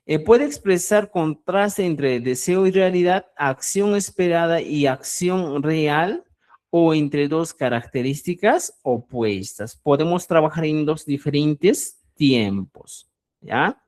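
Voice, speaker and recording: A man teaching a Quechua lesson, often checking in with his students. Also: takes it slowly. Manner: lively, pitch swinging widely with frequent "¿ya?" and "¿eh?" checks. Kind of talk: online language lesson.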